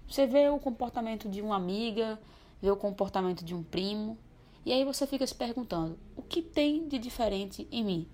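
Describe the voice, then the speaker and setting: A woman's voice: a little high, animated, a little fast, a little mellow, slight background noise. Reflective woman in her twenties. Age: 20s. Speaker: guest. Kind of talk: personal testimony.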